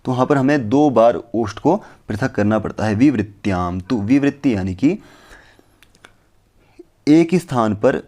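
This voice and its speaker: A man's voice: mid-range voice, lively intonation, darkish tone. Man explaining Sanskrit phonetics step by step. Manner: explains step by step, repeating and asking himself questions; recites Sanskrit verses slowly. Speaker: Sanskrit teacher.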